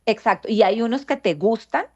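A woman's voice: on the high side, normal speed, darkish tone. A woman explaining ideas in a podcast conversation, reflective and full of rhetorical questions. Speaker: guest speaker. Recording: dull lo-fi sound.

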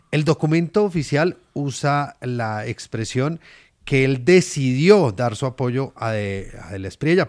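A man giving a steady political report on radio, with small fillers. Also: medium pitch.

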